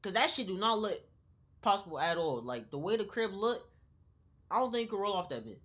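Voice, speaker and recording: A woman giving live-stream reaction commentary in casual slang, her pitch sitting in the middle of the usual range. she repeats herself and keeps addressing her viewers, loose and chatty throughout. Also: very animated, a little fast, a bit bright, slightly rough. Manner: slangy, repeats words, talks straight to viewers.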